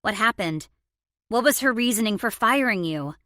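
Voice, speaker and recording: A woman's voice: on the high side, expressive, moderate pace, sharp tone, dry recording, studio quality. A woman voicing a fiery, protective young mother in an audiobook, brash and outspoken. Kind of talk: audiobook character voice.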